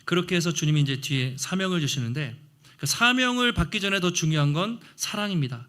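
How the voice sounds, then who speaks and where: Male pastor, sermon, earnest preaching, higher-pitched voice, frequent throat clearing. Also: animated, fairly bright tone. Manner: earnest preaching, often clears throat, slows to act out quoted lines.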